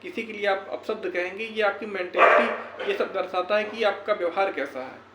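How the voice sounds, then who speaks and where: A man with a high voice speaks to viewers at a moderate pace, earnest and exhortative, repeating phrases for emphasis in a motivational talk. He is a YouTuber and educator, recorded in an echoey room with faint background noise.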